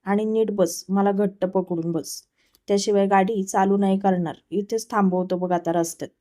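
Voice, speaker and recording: A woman's voice: medium pitch, steady tone, normal speed, mellow, natural voice. A woman voicing a playful, teasing young husband in a spoken love story. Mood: coaxing. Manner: teasing, then scolding.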